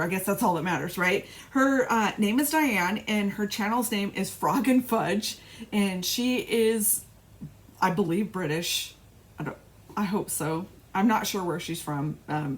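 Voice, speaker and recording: A middle-aged woman chatting casually on her cross-stitch vlog, rambling with restarts and little laughs. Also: mid-range voice. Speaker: flosstube vlogger. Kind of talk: casual chat.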